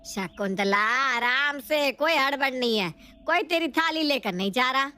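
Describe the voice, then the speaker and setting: A bossy mother-in-law in a cartoon story, played by a woman in a high, bright register. She scolds and schemes in a sharp, sly manner, talking down to her daughter-in-law. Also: animated, measured pace, smooth, heavily acted. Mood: scheming.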